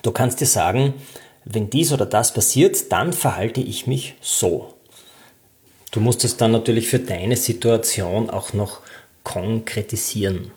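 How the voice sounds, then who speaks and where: A man's voice: lowish voice, measured pace, darkish tone. A man coaching in a self-help talk, speaking directly to the listener in an informal way.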